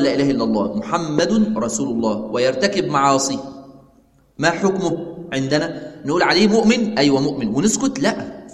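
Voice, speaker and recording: Fast-talking Egyptian sheikh in an echoey hall. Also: male voice, mid-range voice. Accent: Egyptian Arabic. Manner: asks the class questions and answers them himself, repeats key points. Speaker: sheikh teaching a religious text. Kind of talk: religious lesson explaining a text.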